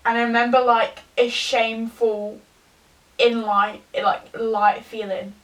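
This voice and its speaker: A young woman, tipsy, giving a rambling, halting confessional rant to a camera some distance away. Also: a little high, little pitch movement, a bit bright. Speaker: vlogger. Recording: distant from the mic.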